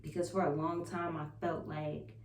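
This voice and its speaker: A woman's voice: sits low, level tone, moderate pace. A woman vlogger chatting casually and confessionally to viewers, candid and emphatic, swearing freely and repeating affirmations. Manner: candid, emphatic, profanity-laced, repetitive self-affirming. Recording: roomy echo, distant mic, faint hum.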